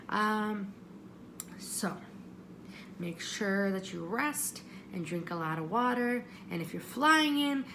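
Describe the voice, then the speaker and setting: A vlogger offers audition advice in a casual, rambling way, often cutting herself off and repeating phrases for emphasis. Her voice is medium-pitched and gravelly, with a noisy background.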